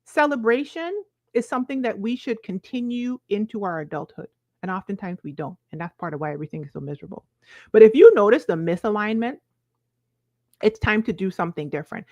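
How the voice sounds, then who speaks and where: Brisk and expressive, this medium-pitched voice has a dark tone and no echo. It belongs to a Virgin Islands woman in her forties, a self-help coach delivering a forceful, chatty motivational talk peppered with short check-in questions to viewers.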